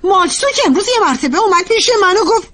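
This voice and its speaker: An anxious young wife. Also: female voice, extremely high pitch, lively intonation, fairly bright tone. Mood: worried. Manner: worried, fretful. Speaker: wife and daughter-in-law. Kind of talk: dubbed TV drama acting.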